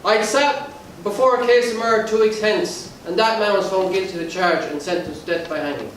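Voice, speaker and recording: A man's voice: high-pitched, fairly even intonation, brisk, natural voice. A man playing a stern, commanding mayor and magistrate in a historical play, with formal, solemn, declamatory delivery. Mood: solemn, unyielding. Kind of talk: historical stage play acting. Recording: echoey hall, distant mic, faint noise.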